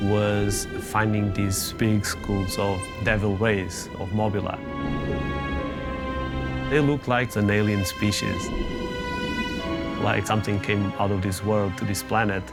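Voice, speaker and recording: A man's voice: lowish voice, fairly even intonation, slow, long pauses. A man giving interview commentary in a nature documentary as an expedition member. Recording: loud music under the voice. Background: loud music.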